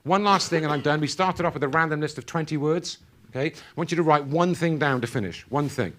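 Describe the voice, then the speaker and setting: High-voiced man giving a motivational talk. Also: a little fast. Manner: animated, quizzing the audience with call-and-response questions. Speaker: keynote speaker. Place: conference hall.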